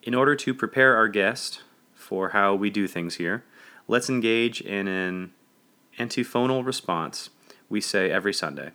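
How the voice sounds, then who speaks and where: A man's voice: lowish voice, measured pace, pushed and bright. A man doing an upbeat male pastor. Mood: encouraging. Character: upbeat male church pastor welcoming a guest.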